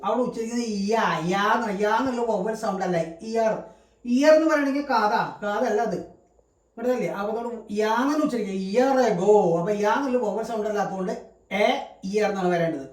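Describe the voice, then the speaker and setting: A man's voice: sits high, normal speed. A male English grammar teacher giving a lesson, explaining step by step and repeating example words. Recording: roomy sound from a distant mic.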